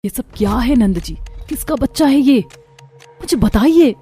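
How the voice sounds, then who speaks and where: A woman's voice: on the high side, animated, normal speed, darkish tone, soft background music. A woman voicing a caring, sensible young sister-in-law who speaks earnestly and coaxingly.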